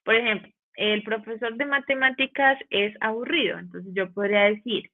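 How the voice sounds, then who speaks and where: A woman with a Colombian Spanish accent teaches English grammar, her voice carrying a gravelly fry. She slows down to model each phrase and asks the class questions. The sound is thin and phone-like. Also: a little high. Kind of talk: online grammar lesson. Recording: phone-like narrow band.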